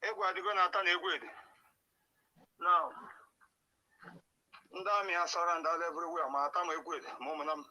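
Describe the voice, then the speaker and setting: Nigerian man, voice note played over a stream, fast, urgent, pleading. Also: a little high, pushed and bright, low-quality recording. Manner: alarmed, pleading. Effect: voice message played back during a live stream. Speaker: local resident reporting events. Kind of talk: urgent voice note mixing Igbo and English.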